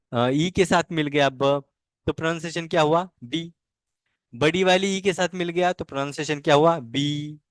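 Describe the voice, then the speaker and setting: A man leads a lesson at a slow, unhurried pace, drilling syllables one by one. He keeps asking questions and then answers them himself. His voice sits a little high and sounds dry and close, with no room echo. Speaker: language teacher. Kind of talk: online language lesson.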